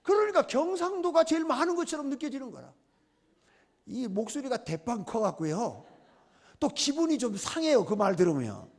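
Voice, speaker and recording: A man's voice: very high-pitched, very animated, normal speed. A man from Chungcheong preaching a revival sermon as guest pastor, emphatic and exhorting with folksy humor. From Chungcheong, South Korea.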